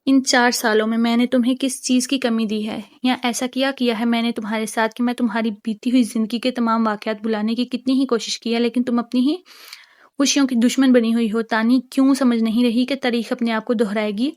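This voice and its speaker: Stern protective young husband in a novel reading, as a woman reads him, firm and pleading, even pitch. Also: lightly acted.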